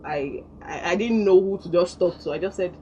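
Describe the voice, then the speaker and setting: Heard in a radio studio, this Nigerian-accented woman from Delta State is a gospel singer being interviewed on air. She talks at normal speed in a fairly low pitch, her manner gentle, sincere and devout. Faint noise runs under the lo-fi broadcast sound.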